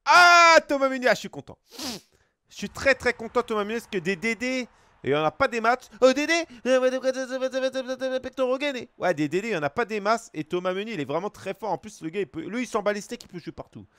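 A man's voice: high voice, animated, fast talker, fairly bright tone, no room sound. A Belgian man with a Belgian French accent, streaming live as he opens packs, greeting chat viewers and swearing casually.

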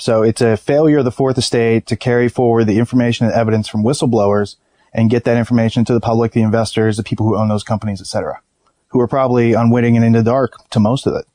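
A man's voice: mid-range voice, fairly even intonation, fast, warm tone. A man giving long, earnest interview answers as a whistleblower, often restarting mid-sentence. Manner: long run-on explanations with repeated restarts.

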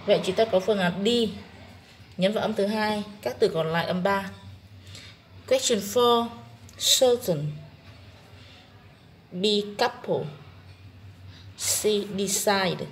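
A woman English teacher with a Vietnamese accent, calmly working through an exam-prep test one question at a time. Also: medium pitch, a little hiss or hum. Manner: slow, methodical explaining. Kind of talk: exam-prep lesson walkthrough.

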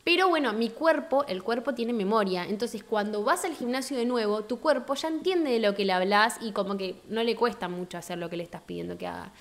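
A woman's voice: medium pitch, brisk, hardly any pauses. A young woman with an Argentine Rioplatense accent, chatting frankly with viewers on a live stream and greeting them by name. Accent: Argentine Rioplatense Spanish. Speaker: livestream host. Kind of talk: casual live-stream chat.

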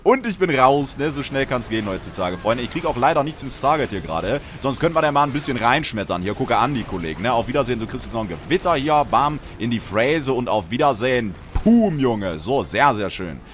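A young man talks over his gameplay at a desk mic. His pitch jumps around a lot as he reacts to the match. He throws in slang and sudden loud shouts. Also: slight background noise. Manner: excited slangy banter, quick outbursts. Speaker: gaming channel host. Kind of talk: Let's Play commentary.

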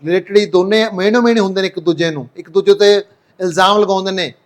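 A man's voice: sits high, fast. A man with a Punjabi accent, a reporter, explaining the background to a news report in a level tone.

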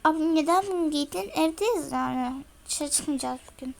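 A woman's voice: high-pitched, moderate pace, vocal fry. A woman voicing an impatient older sister in a role-play game, nagging her sibling. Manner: nagging, coaxing.

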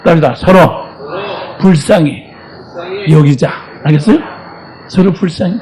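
An older male pastor preaching with a notably high voice. He swings from shouted exhortations to hushed asides, constantly checking in with his listeners. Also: measured pace. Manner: keeps prodding the listeners with rhetorical questions. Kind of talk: sermon.

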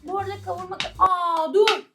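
Playful high-voiced woman cooking at home. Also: steady tone, fairly quick, gravelly, over loud music. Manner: playful and teasing, laughs often. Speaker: co-host of a couple's cooking channel. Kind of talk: casual cooking vlog chat. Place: home kitchen.

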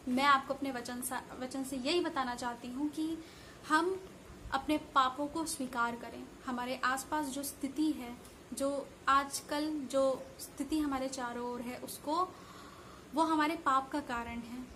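High-voiced young woman preaching earnestly. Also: fairly even intonation, unhurried, sharp tone, slight background noise. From India. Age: young adult. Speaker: parish member sharing a Bible message. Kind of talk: devotional Bible reflection. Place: room indoors with curtains and flowers.

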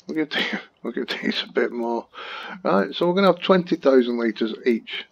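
A man's voice: medium pitch, normal speed, creaky, dull audio. A man, hosting casual, jokey commentary over a farming game he is playing. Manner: chatty, jokey, relaxed. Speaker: gaming channel host.

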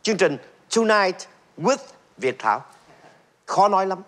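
A man's voice: high-pitched, sing-song, a little slow, a bit bright. Chatty middle-aged man. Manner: chatty, joking, full of fillers and repeats. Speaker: talk show host. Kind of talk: casual stand-up style monologue.

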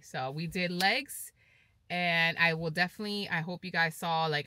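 A woman's voice: fairly low pitch, bright, forceful tone, no room sound. A woman, chatting casually and upbeat in a fitness vlog, motivating viewers and repeating herself often. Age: 40s. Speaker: fitness vlogger. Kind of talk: casual vlog chat to camera.

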